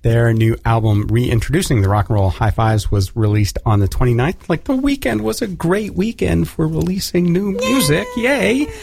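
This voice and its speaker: A man's voice: fairly high pitch, lively intonation, moderate pace, vocal fry, few pauses, a little mellow. A man hosting a community radio show, chatting casually and jokingly with guests in the studio. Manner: chatty, jokey, with fillers. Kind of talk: casual on-air chat.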